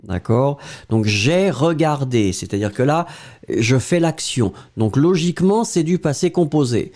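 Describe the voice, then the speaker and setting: Lively, slow-speaking male French teacher. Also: medium pitch. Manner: patient, explains step by step, spells words out. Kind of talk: live online grammar lesson with dictation.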